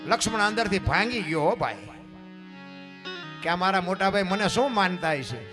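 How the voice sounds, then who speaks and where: Guy preaching dayro style, high voice, goes from quiet to really loud, asks the crowd stuff, guitar playing behind. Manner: swings between soft musing and loud impassioned declaiming; asks the audience questions directly. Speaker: folk storyteller. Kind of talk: Gujarati dayro storytelling sermon. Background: guitar music.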